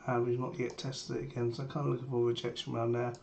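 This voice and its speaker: This trader talks in a rapid-fire, creaky voice of medium pitch, his throat sore and strained like he's feeling unwell. He delivers plain, matter-of-fact live commentary on his premarket plan. The audio is dull, with constant background noise and the clatter of a keyboard.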